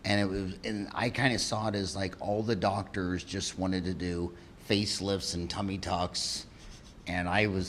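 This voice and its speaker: A man in his fifties hosting a casual interview, chatty and joking, firing off quick questions. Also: deep voice, a little hiss or hum. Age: 50s. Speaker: podcast host.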